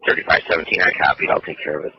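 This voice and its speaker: Over a walkie-talkie at a scene, a man playing a police officer gives short, businesslike calls. His voice is a rumbling low, steady and slightly rough, and he speaks at a racing pace; the archival, lo-fi police-radio audio has no echo.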